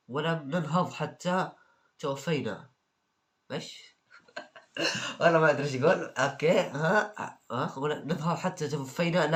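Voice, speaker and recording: A man's voice: a little high, a bit bright. A young man hosting a comedy video, reading out funny exam answers and reacting with joking, mock-exasperated remarks. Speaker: video host.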